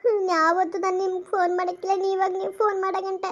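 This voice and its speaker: A woman voicing a tearful, hurt pregnant young wife in an animated story, speaking in plaintive complaints. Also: extremely high pitch, fast. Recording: lo-fi, dull voice-over.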